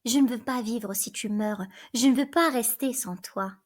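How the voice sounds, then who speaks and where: A timid young sister pleading to stay by her sister, as a woman reads the part. Her voice sits fairly high. It is a plain play reading. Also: moderate pace, lightly acted.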